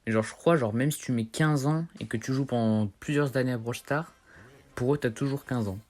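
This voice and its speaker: A man's voice: mid-range voice, brisk, a little mellow. A teenage boy chatting casually over his gameplay, rambling in slang and correcting himself as he goes. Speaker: gaming streamer.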